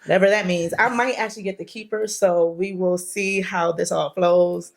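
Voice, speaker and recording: A woman's voice: on the low side, fairly even intonation, normal speed. Chatty, playful podcast host woman. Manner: chatty, playful, laughs often. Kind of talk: casual chat.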